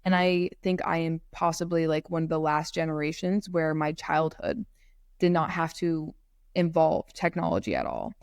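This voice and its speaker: Low-pitched and animated, she talks at a normal speed, and the sound is clean studio quality with no echo. A North Carolina woman in her twenties studying law, she joins a podcast remotely on her computer mic, rambling casually and saying "like" often.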